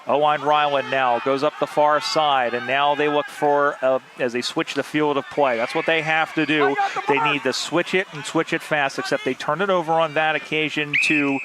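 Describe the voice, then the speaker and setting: Male play-by-play caller, slightly high voice, chatty asides, noisy outdoor field. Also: steady tone, normal speed, few pauses. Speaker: play-by-play commentator. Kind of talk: live sports commentary. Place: outdoors beside a sports field. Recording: outdoor field with loud background noise.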